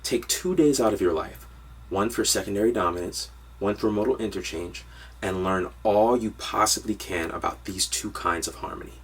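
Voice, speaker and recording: A man's voice: fairly low pitch, moderate pace, husky, far from the mic. A man giving an upbeat, direct online lesson on piano harmony. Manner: upbeat, direct instructional delivery. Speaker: music teacher.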